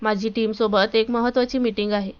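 A woman voicing a calm, newly confident young wife in a read-aloud story, speaking steadily and firmly. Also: fairly high pitch, a little fast, clean tone, natural voice. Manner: calm, firm. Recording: dull lo-fi recording.

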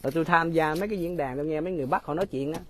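A man's voice: fairly high pitch, very fast, fairly bright tone, a little hiss or hum. A man giving casual, mocking political commentary straight to his viewers, often laughing.

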